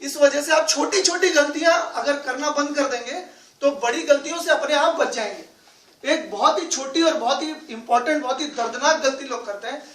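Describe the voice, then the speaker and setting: A man's voice: very high-pitched, a bit bright. A man giving a business training seminar to a live audience. He mixes English phrases into his talk and keeps checking with the audience through questions. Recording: echoey room, voice from far off.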